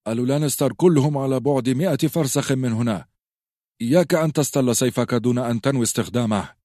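Brief: male narrator putting on a gruff elderly arms-master, stern and blunt. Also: mid-range voice, quick pace, dark tone, no echo, clean studio sound, voice pushed up, natural voice. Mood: scolding. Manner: harsh scolding.

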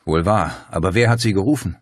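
Man voicing a calm practical man. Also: sits low, fairly quick, breathy edge, dry recording, clean studio sound.

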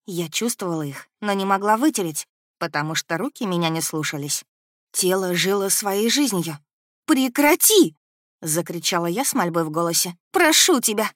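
A woman's voice: on the low side, a bit bright, no echo, clean studio sound. Woman reading a first-person audiobook. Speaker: audiobook narrator. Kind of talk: scripted first-person narration.

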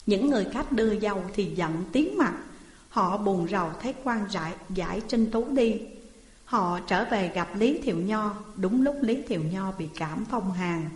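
Woman reading an old court tale, steady and earnest, roomy echo, long reverb. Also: mid-range voice, normal speed. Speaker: storyteller. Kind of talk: narrated folk tale reading.

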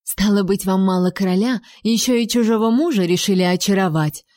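A woman voicing a drunk, jealous noble duchess who sneers and shouts spitefully in an audiobook. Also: medium pitch, a little fast, no room sound, clean studio sound, lightly acted. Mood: spiteful shouting.

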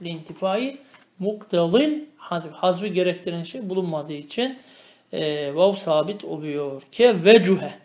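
A man teaching a traditional grammar lesson. He reads Arabic phrases slowly, explains them, and keeps asking the student questions. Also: high-pitched, expressive, a little mellow, roomy sound. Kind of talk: traditional religious lesson, explaining a text line by line.

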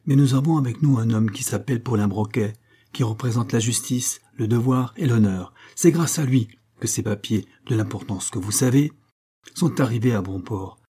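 A man's voice: mid-range voice, normal speed, mellow, slightly rough, lightly acted. A man voicing a heroic French army captain who is proud and out of breath, defiant under torture.

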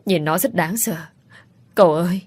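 A woman's voice: on the low side, moderate pace, slightly rough, no room sound. Woman narrator as a fearful pregnant young wife, pleading, dry close read. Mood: frightened.

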